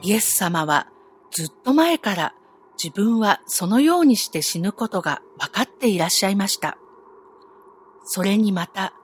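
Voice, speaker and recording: A woman telling a Bible story to children, gentle and friendly, asking her young listeners questions along the way. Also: medium pitch, husky.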